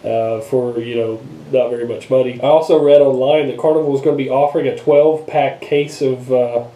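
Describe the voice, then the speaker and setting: A man's voice: mid-range voice, steady tone, fairly quick, dark tone, reverberant, rough recording. A man with a congested, nasal voice, as if his nose were broken, sick and unable to breathe through it, rambling casually in an offhand vlog. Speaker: vlogger. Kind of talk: casual unscripted vlog talk. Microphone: action camera microphone.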